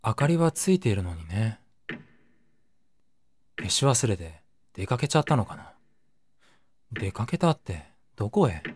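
A man's voice: on the low side, big pitch swings, measured pace, long pauses, a little mellow, slightly rough, no echo, clean studio sound. A man streaming, narrating a horror game dramatically and breaking off for joking asides.

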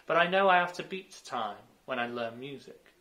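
A man voicing a prim, polite young girl in a storybook reading, in a high, proper tone. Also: expressive, moderate pace, bright, forceful tone.

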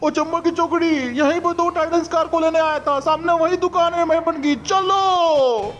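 A man's voice: extremely high pitch, fairly even intonation, normal speed, fairly bright tone, dull audio. A man voicing a worried, rustic young man looking for his missing brother.

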